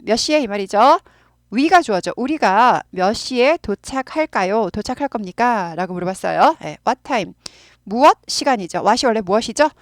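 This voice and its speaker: A woman's voice: mid-range voice, no room sound, clean studio sound. A woman with a Korean accent, an English teacher patiently explaining grammar and drilling pronunciation by repeating phrases.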